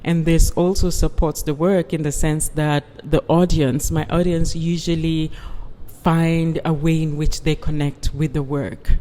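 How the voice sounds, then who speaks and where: Measured, reflective voice in a reverberant hall. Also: medium pitch, little pitch movement, mellow. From United Kingdom. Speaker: guest artist. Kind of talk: interview conversation.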